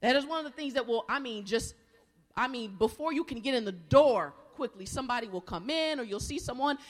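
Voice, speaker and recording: A woman's voice: a little high, fairly quick. A woman preaching a sermon, leading the congregation in call-and-response and acting out the people in her stories. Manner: animated storytelling, acts out quoted voices. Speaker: guest preacher. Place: large worship hall. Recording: echoey hall.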